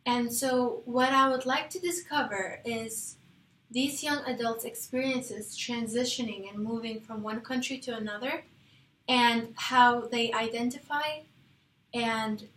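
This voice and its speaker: A woman's voice: on the high side, steady tone, unhurried, fairly bright tone. Young woman from Iraq, hesitant. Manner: hesitant, with fillers and self-corrections. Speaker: student presenting a research proposal. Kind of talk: casual class discussion. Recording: echoey room with faint noise.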